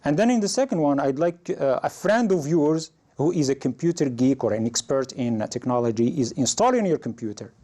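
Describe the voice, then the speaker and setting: Mellow-voiced man teaching an English lesson. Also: lively intonation. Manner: explains slowly, lifts pitch when reading example phrases.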